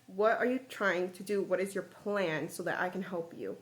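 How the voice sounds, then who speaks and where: A man's voice: high-pitched, moderate pace, a bit bright. A woman voicing a stern young male captain of the guard, who fires off blunt, exasperated questions.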